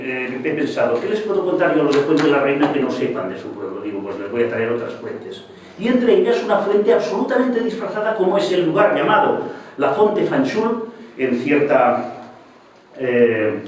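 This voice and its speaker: An older man talks in a professorial, digressive way, his pitch rising and falling with lively emphasis. He is picked up from a distance in a very echoey hall, with faint noise behind him. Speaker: lecturer. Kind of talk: public talk. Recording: echoey hall, mic from far off.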